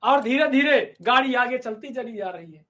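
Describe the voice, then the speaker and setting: High-voiced male teacher telling a story. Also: normal speed. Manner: animated storytelling, repeats phrases. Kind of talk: storytelling to students in a lesson.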